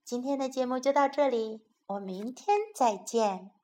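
A woman teaching English to children, telling a storybook tale in Chinese and speaking in a lively, clear, teacherly way to her young listeners. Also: on the high side, normal speed. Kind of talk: bilingual storytelling lesson for children.

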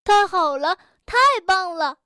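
Storybook frog boy, young, stubborn, soft-hearted, huffy delivery; voiced by a woman, high and unhurried. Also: animated, no room sound, studio quality. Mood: delighted. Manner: huffy, sulky tone.

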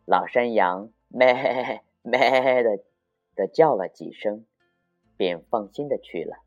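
Brief: male children's storyteller, slow, animated, faint music, lo-fi. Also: fairly low pitch. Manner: slow, sing-song and expressive.

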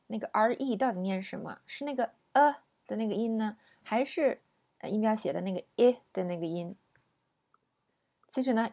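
A woman teaching English pronunciation in a patient, explanatory way, pausing often with fillers. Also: mid-range voice, gravelly, darkish tone. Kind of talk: explanatory language lesson.

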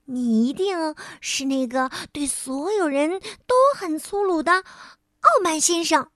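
A tiny cheeky fairy with a high, teasing, chirpy voice, as a woman storyteller puts it on. The voice leaps about playfully and sounds close and dry. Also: expressive, measured pace, fairly bright tone, no room sound.

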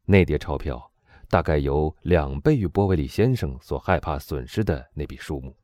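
A man narrating a novel as an audiobook with a steady, expressive reading. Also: rumbling low, moderate pace, no echo, studio quality. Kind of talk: scripted narration.

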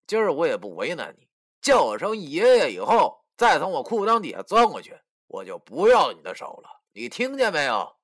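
A man's voice: a little high, huge pitch swings, normal speed, voice pushed up, exaggerated voice. Man doing a swaggering, cursing street thug. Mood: threatening. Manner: swaggering, cursing, shouting threats. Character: arrogant loud-mouthed young male street thug.

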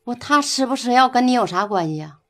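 An actress playing an impatient, sharp-tongued middle-aged village wife, retorting quickly. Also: female voice, a little high, lively intonation. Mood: bickering.

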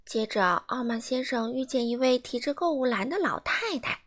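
A woman reading a children's storybook aloud in an animated way, asking the listeners questions. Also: on the high side, moderate pace.

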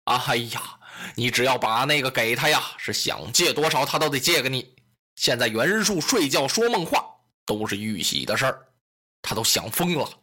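A man voicing a cheerful, shrewd middle-aged strategist who gives relaxed, knowing advice. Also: mid-range voice, moderate pace, voice pushed down. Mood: scheming.

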